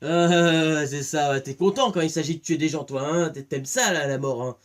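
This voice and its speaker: Chatty man with a high voice. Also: normal speed. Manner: chatty, rambling, many restarts and fillers; excitable, acts out scenes with voices. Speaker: film and series reviewer. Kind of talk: casual spoken review.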